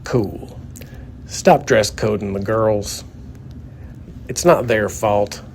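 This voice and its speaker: A man's voice: lowish voice, extremely slow, gravelly, a little hiss or hum. A man, a young adult guest comedian, delivering a sarcastic, grumbling comedic rant.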